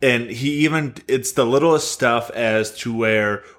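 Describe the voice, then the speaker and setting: A man's voice: mid-range voice, unhurried, fairly bright tone. A man co-hosting a podcast, giving thoughtful, detailed explanations in casual sports chat. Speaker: podcast co-host.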